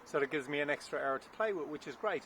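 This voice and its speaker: A man's voice: on the high side, lively intonation, fast talker, a bit bright, slight background noise. A man vlogging from his garden while digging, out of breath, chatting casually and thinking aloud with unsure asides, picked up by a camera on a stand. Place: garden outdoors, windy.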